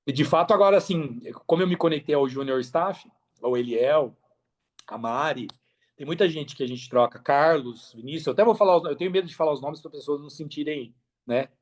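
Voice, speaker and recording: Fairly high in pitch and a touch fast, this Brazilian man is a podcast guest who works in affiliate marketing. His casual talk is full of slang, emphasis and repeated phrases, and he brings his stories to life by acting out what people said.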